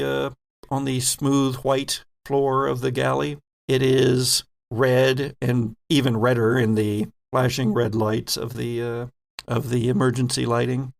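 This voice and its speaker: A man serves as game master for a tabletop horror role-playing game, narrating and setting scenes deliberately with pauses mid-phrase. His voice is medium-pitched and gravelly.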